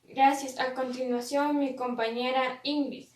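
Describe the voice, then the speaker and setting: Woman w/ a high voice reading her class presentation slow, kinda far off in an echoey room. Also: little pitch movement. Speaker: student presenter. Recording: echoey room, away from the mic.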